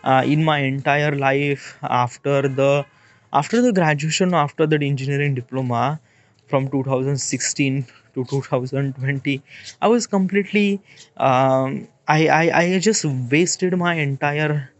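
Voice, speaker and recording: A man in his late twenties with an Indian English accent, thinking aloud in a rambling, halting monologue and checking in with "okay?" as he goes. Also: mid-range voice, dry recording. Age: 20s. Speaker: vlogger. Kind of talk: casual reflective monologue.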